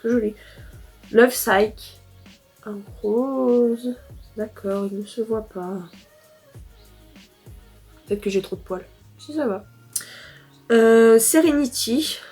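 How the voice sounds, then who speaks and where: A woman's voice: on the high side, slow pace, pauses often, a little mellow, husky, soft background music. A teenage girl from France chatting casually through a makeup palette review, rambling with fillers and self-corrections. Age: teens. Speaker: beauty vlogger.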